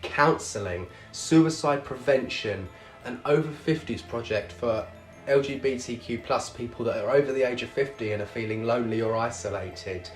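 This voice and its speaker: A man's voice: medium pitch, moderate pace, soft background music. A man hosting a show as a drag queen, with a camp, cheeky, theatrical manner. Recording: roomy echo on the voice.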